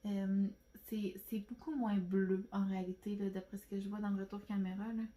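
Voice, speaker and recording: A woman's voice: mid-range voice, flat delivery, normal speed, warm tone, low-quality recording. A woman from Quebec with a Québécois French accent, chatting casually through a nail product haul at home, rambling with lots of fillers and restarts. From Quebec, Canada. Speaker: nail beauty vlogger.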